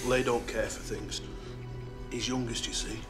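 An actor playing a gentle, childlike older brother who speaks slowly and simply. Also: male voice, mid-range voice, little pitch movement, over music, close to an everyday voice.

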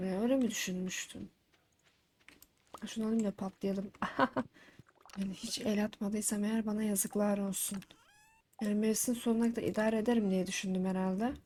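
A woman's voice: medium pitch, fairly even intonation, a little fast, long pauses, a little mellow. A young woman streaming a farming game, chatting to the characters and bursting into exasperated complaints. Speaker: gaming streamer. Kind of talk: live let's-play commentary. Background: faint game music.

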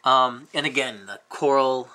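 This aquarium vlogger, audibly sick with a cold, talks casually at home in a show-and-tell video. His mid-range voice comes out a little slow, pushed and bright, over poor audio with a slight hiss or hum. He keeps hesitating, with many ums and restarts.

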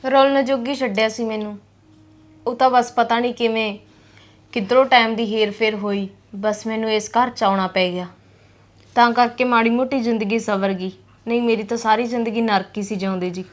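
A woman's voice: a little high, steady tone, normal speed. A woman with a Punjabi accent acting a tired, long-suffering sister in a drama. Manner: weary and resigned. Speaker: actress playing a suffering sister.

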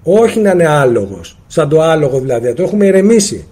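Husky, animated man teaching a live seminar. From Greece. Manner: animated, acts out little dialogues with sudden pitch swings; addresses listeners directly as friends. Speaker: spiritual teacher. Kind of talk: live seminar answering viewer questions.

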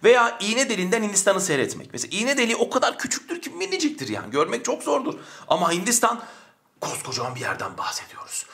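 A man's voice: high-pitched, fairly bright tone. A man teaching an exam-prep language lesson, joking and chatting with his students as friends.

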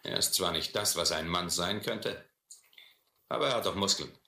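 For a German audio adventure drama, a man gives a heavily acted turn as a domineering sea captain, a mocking, brutal intellectual bully. His deep voice is bright and forceful at a normal pace, sardonic, condescending and commanding. The old radio-play recording sounds roomy, with faint noise.

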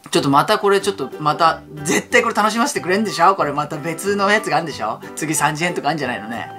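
An excitable man hosts his fan channel, pouring out reaction commentary at a breakneck pace. His voice swings widely up and down as he gets carried away. Music plays clearly under his talk. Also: on the high side. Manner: excitable, rapid-fire talking. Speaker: YouTube fan channel host.

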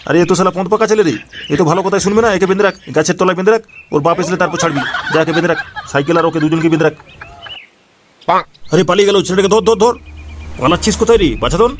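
A man's voice: high voice, racing, a little hiss or hum. Man as a bossy accusing cartoon bike owner. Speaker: cartoon voice actor. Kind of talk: cartoon voice dubbing.

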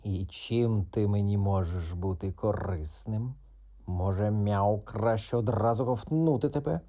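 A grumpy, self-important tomcat from a children's audiobook, growling slow, drawn-out threats. A man puts on the voice, pitched lower than his own. The tone is mellow and dark. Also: lightly acted. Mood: menacing. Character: proud, grumpy tomcat, noble and blustering.

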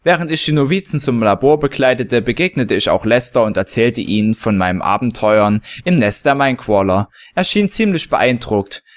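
A man reading a first-person adventure story aloud, with a mid-pitched voice. He narrates at an even, steady pace. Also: moderate pace, few pauses. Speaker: reader of a fan story.

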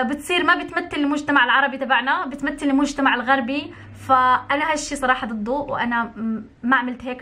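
A woman's voice: high voice, sharp tone. A young adult woman from Morocco, a YouTuber speaking her mind to camera, emphatic and indignant, repeating points for stress. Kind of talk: talking-to-camera opinion vlog.

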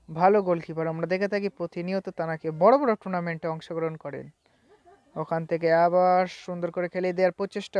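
A man with a high-pitched voice calls a local football match play by play. His commentary has an announcer's delivery, linking each move with repeated stock phrases. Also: a little mellow, dry recording, highs cut off. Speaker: football commentator and channel host.

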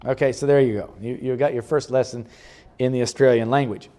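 A man giving a chatty, relaxed presentation about a health retreat to a church group, showing slides and chuckling often. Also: medium pitch, a little fast. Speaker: guest speaker presenting a health retreat ministry. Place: church meeting room.

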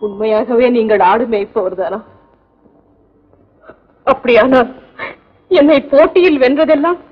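An actress playing an earnest young princess who speaks in formal, measured, poetic phrasing. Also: female voice, fairly high pitch, breathy edge. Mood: puzzled, grave. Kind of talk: 1960s film acting. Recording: muffled old film soundtrack with music.

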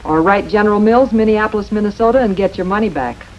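A confident homemaker spokeswoman pitches a product with earnest, emphatic promises. Her mid-range voice comes through with the dull, lo-fi sound of a 1950s TV broadcast. A faint hiss runs under the speech. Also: quick pace, darkish tone. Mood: assured. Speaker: brand spokeswoman. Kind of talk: scripted TV commercial pitch.

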